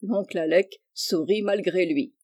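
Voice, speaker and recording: A woman reading a classic children's novel aloud in a calm, even storytelling manner. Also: fairly low pitch, measured pace, breathy edge. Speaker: audiobook reader. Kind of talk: storybook narration.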